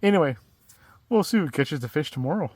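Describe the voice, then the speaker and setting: A man chats to camera at a backcountry campsite, teasing and playfully bragging. His voice is on the high side and swings widely in pitch. The sound is close and dry. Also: lively intonation, fairly quick, a little mellow, no echo. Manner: joking, playfully boastful. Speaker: vlogger. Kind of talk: casual camping vlog chat.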